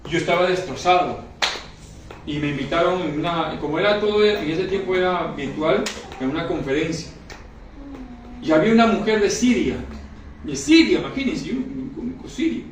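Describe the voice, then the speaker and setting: A man with a high voice preaches with emotion, repeating lines and putting questions to his listeners. His voice echoes heavily around the room, and he is picked up from some distance with faint noise behind. It sounds like a church recording. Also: normal speed. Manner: emotional, repeats phrases, asks the congregation questions. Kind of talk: sermon.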